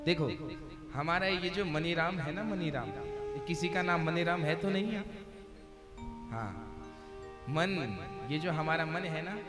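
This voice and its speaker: A male Bhagavata katha preacher with a fairly high, animated voice speaks unhurriedly, leaving long pauses, as he gives a devotional sermon to a seated audience at a religious gathering. He is jovial and teasing, commanding listeners to chant and sit still. The live recording carries loud devotional music.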